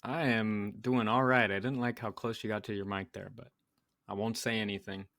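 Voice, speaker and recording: A man's voice: fairly low pitch, flat delivery, moderate pace, a bit bright, a little hiss or hum. A young man co-hosting a casual podcast, talking in a laid-back, hesitant way with many fillers. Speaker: podcast co-host. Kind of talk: casual banter.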